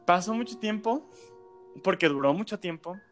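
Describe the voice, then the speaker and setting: Animated Mexican man telling a story. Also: sits high, moderate pace, soft background music. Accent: Mexican Spanish. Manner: animated, colloquial, filler-heavy with frequent "este" and "¿no?". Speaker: storyteller guest. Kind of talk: casual spoken storytelling.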